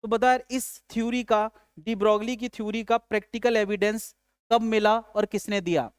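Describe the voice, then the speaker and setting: This male physics teacher speaks in a high, fairly even voice at a normal speed, with a clean tone in a dry, studio-quality recording. His lecture is casual and chatty; he poses questions and answers them himself, jokes around, and addresses students as "yaar."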